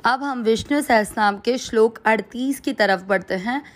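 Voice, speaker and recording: A woman with a Hindi accent teaching Sanskrit pronunciation, breaking words into syllables and drilling them slowly and carefully. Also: a little high. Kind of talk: pronunciation lesson.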